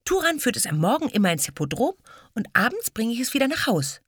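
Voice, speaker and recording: A proud, quick-tongued little girl with a high, lively voice, put on by a woman reading aloud. She talks back pertly and swings up and down as she boasts or scolds. The sound is close and dry. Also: slightly rough, no room sound. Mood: boastful. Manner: high, pert and indignant.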